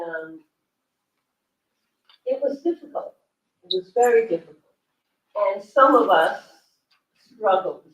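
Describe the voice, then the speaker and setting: An older woman, a former ballet dancer, speaking at a library event in a reflective way and laughing often. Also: medium pitch. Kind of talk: casual talk at a library event. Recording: roomy, distant, dull sound.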